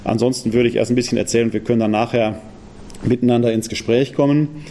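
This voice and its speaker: A man from the Ruhr area delivers a public lecture with a mellow, warm tone. He talks quickly and presses his points home with rhetorical questions. His pitch sits in a middle range. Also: fairly even intonation, a little hiss or hum. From Ruhr area, Germany. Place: parish hall.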